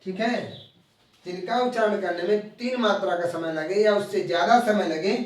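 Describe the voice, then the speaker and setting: A man with a fairly high voice teaches a live grammar lesson, repeating each key term and drawing out the example sounds. He stands back from the mic, and the sound rings in a very echoey room. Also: moderate pace, far from the mic.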